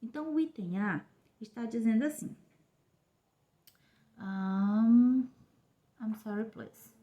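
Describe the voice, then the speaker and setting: A woman with a Brazilian Portuguese accent, an English teacher giving a recorded lesson to children, who explains slowly and clearly and switches between Portuguese and English. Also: on the high side, dark tone, dull audio.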